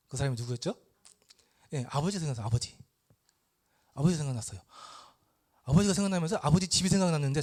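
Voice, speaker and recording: Man telling a Bible story, slightly high voice. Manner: lively storytelling with rhetorical questions. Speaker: church Bible lecturer. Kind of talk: Bible lecture retelling a parable.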